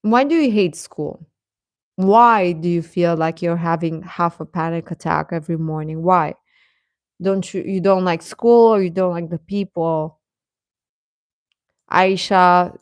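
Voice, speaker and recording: Fairly low and slow, an adult woman's voice carries no echo as she chats on a livestream. Speaking to teenagers, she gives earnest, supportive advice, reassuringly repeating phrases for emphasis.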